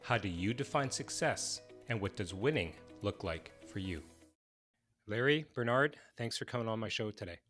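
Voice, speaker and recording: A man hosts an interview podcast in a loose, friendly manner, drifting into fillers as he talks. His voice sits a little low and sounds dry and close on a studio mic. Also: lively intonation, normal speed, a bit bright, dry recording, soft background music. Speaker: podcast host. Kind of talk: casual interview chat.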